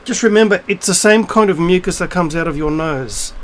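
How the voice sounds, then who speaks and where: A middle-aged man with a slightly high voice rants straight to camera in a loose, unscripted monologue. He is blunt and swears freely, wandering through thoughts with plenty of ums and restarts. A faint hiss sits under the recording. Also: a little fast, rough recording. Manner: blunt, profane, rambling with many fillers and restarts. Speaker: video blogger.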